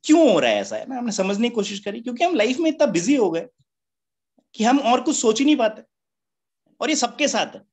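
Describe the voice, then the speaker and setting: A man's voice: very high-pitched, sing-song, a little fast, darkish tone. A man giving a motivational seminar talk at a business meeting, chatty and joking, who keeps asking rhetorical questions. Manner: rhetorical questions with a constant "है ना?" tag; chatty, joking, laughs at his own points.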